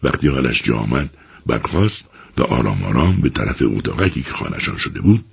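A man narrating a novel in a dramatic, expressive audiobook reading. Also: rumbling low, vocal fry.

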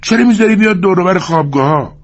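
A man voicing a rough ranch hand who taunts and jeers. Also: high voice, expressive, highs cut off, voice pushed up. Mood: mocking. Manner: taunting, jeering.

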